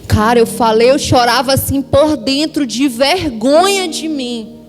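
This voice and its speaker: A Brazilian woman giving a sermon testimony, telling her story with lively acted-out dialogue. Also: high-pitched, unhurried. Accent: Brazilian Portuguese. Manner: animated storytelling, acting out dialogue. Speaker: pastor's wife preaching. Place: church hall with worship music behind. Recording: long hall reverb, music underneath.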